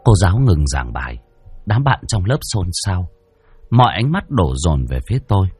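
A man's voice: low voice, sing-song, moderate pace, darkish tone, soft background music. A man narrating a first-person ghost story dramatically.

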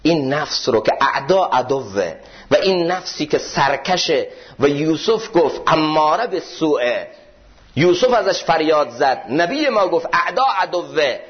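A man, retelling a story, speaks the lines of a calm older male Sufi master who firmly rebukes a vizier. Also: a little high. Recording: dull muffled recording.

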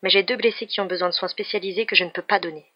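A woman's voice: on the low side, fairly even intonation, very fast, natural voice. Practical young female doctor read by a female narrator, urgent and clipped, muffled lo-fi sound. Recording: dull lo-fi recording.

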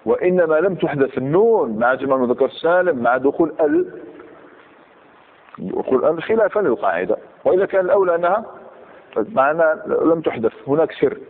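Guy teaching grammar class, kinda high voice, tinny lo-fi audio with birds cooing behind. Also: big pitch swings, a little fast. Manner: questions students, repeats examples. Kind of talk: classroom lecture. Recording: tinny phone-like recording.

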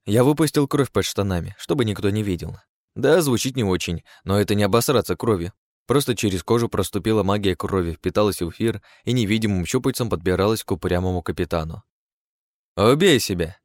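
A man's voice: on the low side, quick pace, darkish tone, dry recording, studio quality. A man narrating a first-person fantasy audiobook, with wry, sardonic asides.

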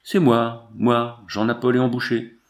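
A man voicing a cunning old gold miner who speaks low and grimly in a read-aloud novel. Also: level tone, lightly acted. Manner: low, grim and deliberate.

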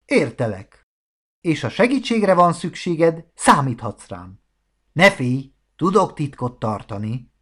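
A wide-eyed, excitable little boy, as a male narrator puts him on fires off eager questions in a storybook voice. His pitch rides high and swings widely, full of restless curiosity. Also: breathy edge, heavily acted. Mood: earnest. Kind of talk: storybook character voice.

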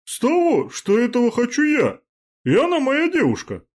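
A pompous, threatening rich young man pitched up high and loud, as a man narrator puts him on, husky at the edges and swinging his voice wildly between sneers and barked demands in an audiobook. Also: huge pitch swings, normal speed, heavily acted. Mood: demanding. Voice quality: pompous, hissing menace. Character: arrogant rich young male game player, threatening.

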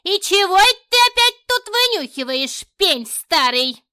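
Grouchy old witch lady, a woman doing the voice, high and scolding, yelling, dry close sound. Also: big pitch swings, unhurried, no echo, heavily acted. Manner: scolding, shrill. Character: grumpy old village woman, sharp-tongued witch. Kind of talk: storybook character voice.

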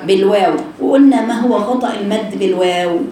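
A woman's voice: medium pitch, fast, mellow. A woman with an Egyptian Arabic accent teaching Quran recitation to a class of girls, repeating sounds over and over and quizzing her students. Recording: echoey room, voice far from the mic.

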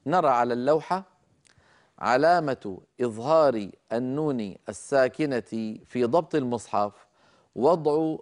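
A man teaching Quran recitation rules in a recorded lecture, explaining slowly and deliberately, repeating key points and pausing on drawn-out fillers. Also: mid-range voice, darkish tone.

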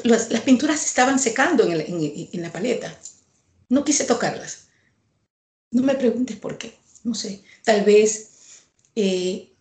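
A woman's voice: fairly high pitch, dark tone. A woman painter answering an interview, talking earnestly and reflectively, repeating herself for emphasis. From Ecuador. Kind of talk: conversational interview. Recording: echoey room.

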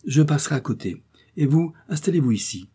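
A man's voice: a little high, expressive, brisk, warm tone, husky, voice pushed up. A man playing a grave middle-aged monk who speaks in earnest, prayerful tones.

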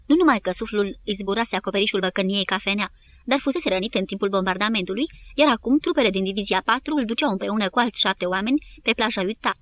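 A woman narrating a war history audiobook in an even, measured reading. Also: medium pitch. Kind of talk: scripted narration.

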